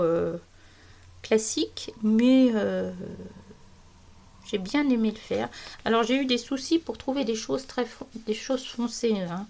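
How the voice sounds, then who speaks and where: A woman from France chatting casually about her coloured pages as a hobby vlogger, hesitant and often searching for words. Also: on the high side.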